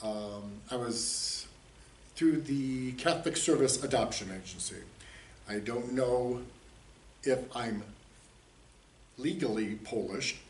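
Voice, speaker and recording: A man's voice: medium pitch, takes it slowly, long pauses. Easygoing man in his sixties, distant roomy sound. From United States. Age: 60s. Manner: easygoing, rambling, with chuckles. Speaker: interviewee, community theater director. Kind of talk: casual interview talk. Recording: roomy echo, distant mic, faint hiss.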